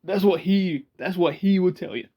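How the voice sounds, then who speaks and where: Georgia guy with a southern drawl just chatting to camera, kinda high voice, laughs a lot, rambles off on side stories. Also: moderate pace, muffled recording. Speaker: vlogger. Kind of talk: casual talk to camera. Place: small room indoors, sitting in a rocking chair. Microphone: camera in front of him.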